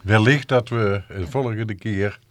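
A man's voice: lowish voice, unhurried, dry recording. A man hosting a radio literature show, explaining thoughtfully with hesitant fillers. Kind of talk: radio book discussion. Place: radio studio.

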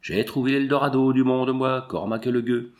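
A man voicing a ragged, drunken gold miner who shouts boasts of his strike. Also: medium pitch, steady tone, normal speed, natural voice. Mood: drunken boasting.

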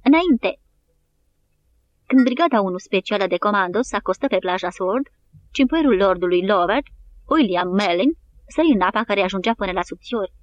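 A woman narrating an audiobook in a steady, even reading style. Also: mid-range voice, lo-fi sound. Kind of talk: scripted narration.

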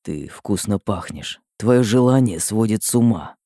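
A woman voicing an arrogant ancient male dragon in an audiobook, whispering low and seductive, then shouting in anger. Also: sing-song, normal speed, no echo. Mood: husky seductive. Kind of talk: audiobook character voice.

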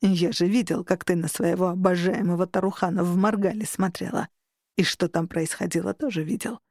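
A scheming male incubus from a fantasy audiobook hisses and purrs in a lowered voice, acted out by a woman reader. The sound is dry and close, with no room around it. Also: fairly even intonation, brisk, darkish tone, no echo. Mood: menacing. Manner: hissing, low and menacing.

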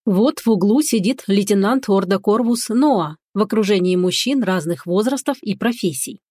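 A woman narrating a fantasy audiobook in a steady storytelling manner. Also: medium pitch, normal speed, no room sound, clean studio sound.

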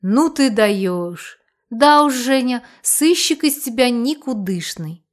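A loud, blunt village aunt who scolds and mocks in the same breath, as a woman reading the story puts her on. Her voice sits a little high and carries force. It is an audiobook character voice. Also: animated, takes it slowly. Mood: scolding.

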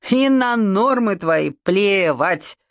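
A woman's voice: mid-range voice, animated, takes it slowly, dry recording, studio quality. A woman voicing a bold, sarcastic young woman in an audiobook. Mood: defiant mocking. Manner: defiant, sarcastic.

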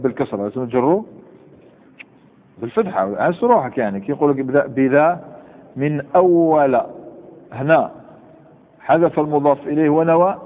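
A male grammar teacher with an Algerian Arabic accent and a mid-range voice lectures his class, repeating the same examples over and over and quizzing students with rapid questions. The recording sounds tinny and phone-like, with a long hall reverb around his voice.

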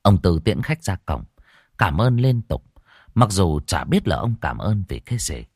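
Low-voiced male storyteller. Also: measured pace, slightly rough, no echo, studio quality. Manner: expressive storytelling delivery. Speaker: narrator. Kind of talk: audiobook storytelling.

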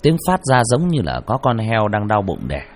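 Deep, expressive male ghost-story narrator. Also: normal speed, soft background music. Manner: dramatic, expressive.

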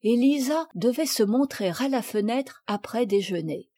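A woman narrating a classic children's novel in a clear, measured reading. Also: fairly high pitch, lively intonation, warm tone, dry recording. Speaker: audiobook narrator. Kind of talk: scripted storybook narration.

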